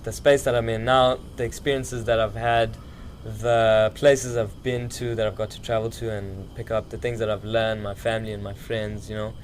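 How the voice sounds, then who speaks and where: A man's voice: fairly low pitch, flat delivery, normal speed, few pauses, slight background noise. A man chatting casually as a musician in an interview, loose, slangy and rambling. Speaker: musician, podcast guest.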